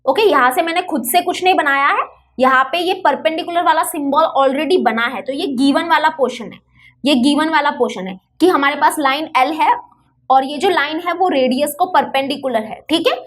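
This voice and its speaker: A woman's voice: sits high, normal speed. A young woman teaching an online maths lesson in a chatty, coaxing way, repeating key points.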